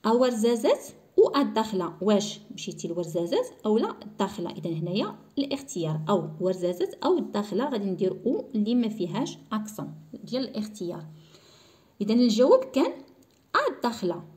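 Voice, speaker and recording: A woman's voice: mid-range voice, very animated, a little mellow. Moroccan woman teaching French spelling. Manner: slow clear dictation of French words, explained in dialect. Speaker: primary school French teacher. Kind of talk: explaining a French textbook lesson.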